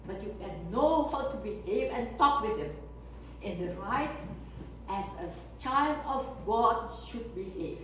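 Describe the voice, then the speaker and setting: An older woman teaches an informal class in a didactic, emphatic way, listing words deliberately and repeating herself. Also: mid-range voice, expressive, a bit bright. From Indonesia. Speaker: etiquette teacher. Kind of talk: informal class lecture to family. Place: echoey indoor room, mic at a distance. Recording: echoey room, distant mic, faint noise.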